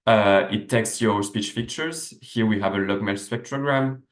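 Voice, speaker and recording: A researcher whose first language is French gives an academic seminar lecture over slides on a video call from his desk. His slightly low voice is unhurried, and he explains step by step with frequent "uh" fillers and self-corrections. His laptop mic captures a noticeably echoey room.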